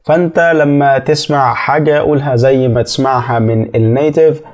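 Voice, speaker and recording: A man with an Egyptian Arabic accent teaching an English pronunciation lesson, explaining step by step and repeating sounds slowly to demonstrate them. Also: medium pitch, steady tone, a little mellow.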